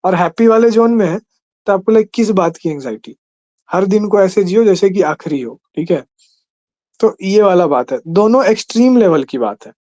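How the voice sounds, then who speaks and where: A man's voice: sits high, expressive, normal speed, a little mellow, muffled recording. A man teaching an exam-prep class in a conversational way, often checking in with his listeners. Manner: conversational, keeps asking "ठीक है?".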